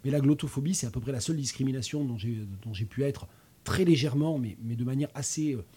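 A man's voice: mid-range voice, quick pace, warm tone, breathy edge. A man in his fifties with a regional French accent, hosting a casual chat, hesitant, with many fillers and restarts. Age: 50s. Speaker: host.

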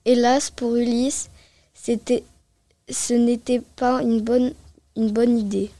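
A woman's voice: fairly high pitch, flat delivery, slow, mellow, no echo. A woman reading a story aloud, hesitant and restarting phrases often. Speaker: reader.

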